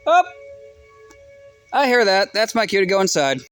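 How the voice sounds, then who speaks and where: A man's voice: moderate pace, clean tone, no echo, soft background music. A man vlogging casually outdoors on a rural delivery route, rambling and swearing as he records on his phone. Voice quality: profane, rambling, lively swings in pitch. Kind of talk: casual vlog.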